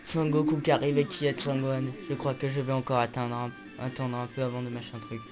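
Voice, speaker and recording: A young man giving casual, joking let's play commentary, excitable and rambling, full of slang and fillers. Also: medium pitch, brisk, music in the background. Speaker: gaming YouTuber.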